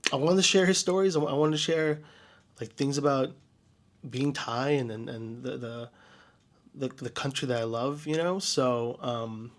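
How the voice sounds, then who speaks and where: A man from the United States telling a personal story in a vlog, halting and searching for words with many restarts, earnest and quietly emotional. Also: mid-range voice. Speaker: vlogger and DJ entertainer.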